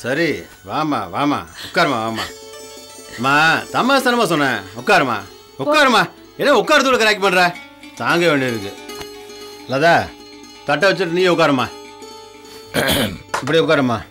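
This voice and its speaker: A middle-aged police chief who speaks to his family with patient, teasing calm. His voice is bright and sits a little high. Soft music plays underneath. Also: a little slow, pauses often, heavily acted. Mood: coaxing. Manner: patient, coaxing, gently teasing.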